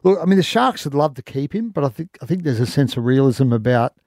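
Man, Australian accent, quick pace, casual sports chat, radio panellist, dry close sound. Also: medium pitch, big pitch swings, darkish tone, dry recording.

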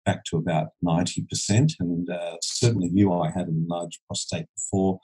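This is a man in his sixties from Australia, guesting on a podcast. His voice is deep and mellow with a husky edge. He talks in a hesitant way, with many fillers and restarts. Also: steady tone, fairly quick, low-quality recording. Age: 60s. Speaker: guest, holistic dentist. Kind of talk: podcast interview.

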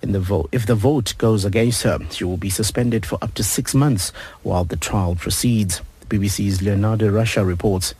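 A man reads a scripted news bulletin in a fairly low voice. It has a husky grain and is recorded dry and close. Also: normal speed, a little mellow, dry recording. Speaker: radio news reader.

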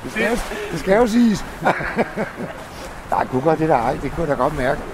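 A man's voice: fairly high pitch, big pitch swings. Stammering man over boat noise. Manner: stammering restarts, thinking aloud. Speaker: novice sailor. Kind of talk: documentary interview.

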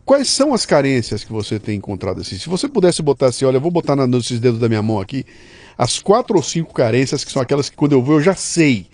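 A man's voice: medium pitch, fast, no room sound. A man with a Brazilian accent hosting a podcast interview, chatting casually and acting out little quoted asides. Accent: Brazilian Portuguese. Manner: animated, quotes people in little acted asides. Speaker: podcast host.

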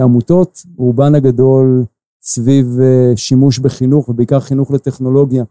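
Halting Israeli man, dark smooth voice. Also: mid-range voice, no room sound. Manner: halting, many filler pauses. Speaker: investor guest. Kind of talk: interview answers.

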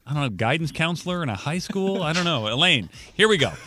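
A man's voice: fairly high pitch, sing-song, fast, background noise. An American man hosting a morning radio show with playful, teasing banter and phone interview questions. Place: radio studio.

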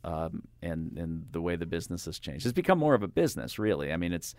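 An older man, a radio interviewer, talking in a rambling, halting way with lots of fillers and restarts. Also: low voice, sing-song, a little mellow, no echo, clean studio sound. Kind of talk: casual interview chat. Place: radio studio. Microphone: studio microphone.

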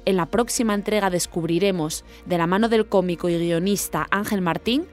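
Una mujer que presenta el podcast con una narración guionizada, tranquila y medida. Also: female voice, fairly low pitch, fairly quick, soft background music. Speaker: podcast host. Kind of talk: scripted narration.

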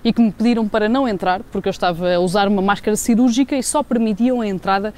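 A woman with a European Portuguese accent giving a semi-spontaneous live report as a sports correspondent, often pausing mid-phrase. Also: mid-range voice, a little mellow. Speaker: sports journalist, special correspondent.

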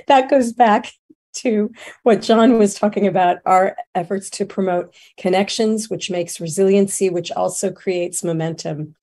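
A woman making informal remarks as a committee member, halting and often rephrasing as she goes. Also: on the low side, gravelly, dark tone.

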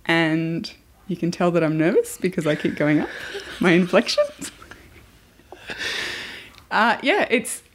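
A woman's voice: fairly low pitch, sing-song, slow, pauses often, slight background noise. An Australian woman hosting a podcast in a casual, chatty style. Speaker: podcast host.

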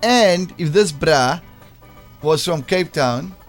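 A man's voice: on the high side, expressive, takes it slowly. A man with a broad South African accent, hosting a casual breakfast radio quiz in a playful, teasing way. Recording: music bed behind the voice. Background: music.

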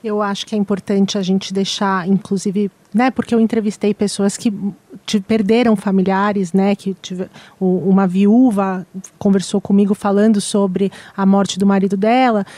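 A woman, hosting a podcast interview in a thoughtful, measured way. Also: mid-range voice, flat delivery, dark tone, no echo.

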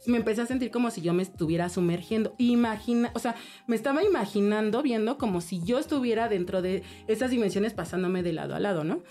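A woman's voice: mid-range voice, quick pace, mellow, faint music behind. A young woman co-hosting a casual talk podcast, telling a personal story with laughter and candor. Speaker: podcast co-host. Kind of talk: casual chat.

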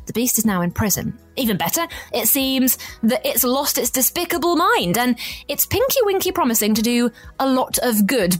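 A woman hosting a show, presenting book recommendations in an enthusiastic, chatty way. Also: fairly high pitch.

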